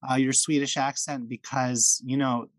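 This is a casual podcast chat from a male host who's friendly and enthusiastic, restarting sentences often and using lots of fillers. His mid-range voice comes at a moderate pace with flat delivery, and the recording is dry.

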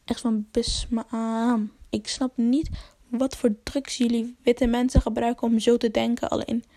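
Young woman, casual slangy storyteller; warm, somewhat high voice, dry close sound. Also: level tone, normal speed, dry recording. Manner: rambling, slangy, swears, many fillers. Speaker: vlogger.

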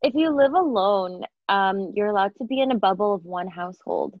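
A woman, a podcast guest with a husky just-woken-up voice, laughing and self-mocking. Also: medium pitch, expressive, normal speed, dry recording, narrow, tinny audio. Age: 20s. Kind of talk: casual chat.

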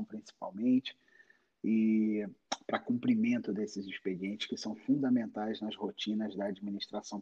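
A Brazilian man giving measured, formal, wordy expert explanations as an interview guest. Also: on the low side, mellow, slightly rough, highs cut off. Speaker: podcast guest, environmental lawyer.

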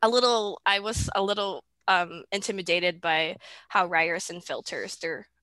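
A woman in her twenties from the Philippines, chatting as a podcast guest over a video call. She hesitates, restarts and fills gaps with "um," with a bright, pressing tone. The sound is dry with no room around it. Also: fairly low pitch, a little slow, dry recording. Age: 20s. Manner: hesitant, many fillers and restarts, giggly. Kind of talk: casual video-call interview.

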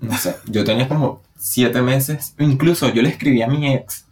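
A Venezuelan man trades banter as co-host of a relaxed podcast. He talks in an animated, theatrical way and slips into the voices of the people he quotes. His voice sits at an ordinary middle pitch. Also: normal speed. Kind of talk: casual chat.

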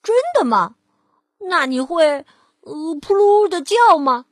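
Woman doing loud, suspicious little pigs. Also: very high-pitched, lively intonation, slow pace, no echo, full character voice. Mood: accusing. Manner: loud, probing questions.

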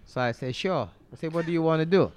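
A man's voice: fairly high pitch, fast talker, clear, resonant tone. A man with a Caribbean accent, a barber telling funny stories in casual chat at a barbershop, laughing often. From Saint Lucia. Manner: animated, laughing storyteller. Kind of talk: casual storytelling.

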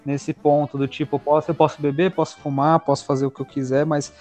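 Halting, chatty male interviewer. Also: a little high, flat delivery, a little mellow, faint music behind. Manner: halting, restarts a lot, chatty. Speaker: podcast host interviewing a comedian. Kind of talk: casual interview chat.

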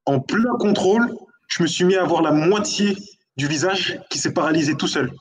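A man guest on a casual stream, earnestly telling an anecdote and giving shout-outs. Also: sits high, normal speed, crowd noise. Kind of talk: casual live-stream chat.

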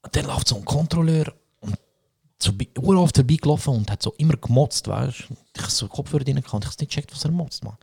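A young man with a Swiss German accent, hosting a podcast and telling a story in a casual, swearing, animated way. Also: fast, gravelly, husky. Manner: animated, swears a lot, mocks people in put-on high voices. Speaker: podcast host.

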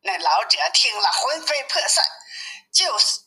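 A woman reading a classic tale aloud with lively, expressive storytelling. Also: high voice, measured pace, low-quality recording.

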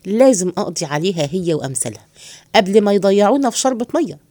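Woman putting on a sly henpecked egyptian guy, low hushed plotting voice, dry sound. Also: big pitch swings, fast talker, dry recording, natural voice. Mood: scheming. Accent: Egyptian Arabic. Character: scheming henpecked middle-aged man, conspiratorial.

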